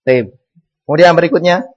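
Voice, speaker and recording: A man's voice: on the high side, breathy edge, muffled recording. A man teaching an Arabic class, calling on students to read and patiently repeating words and their meanings.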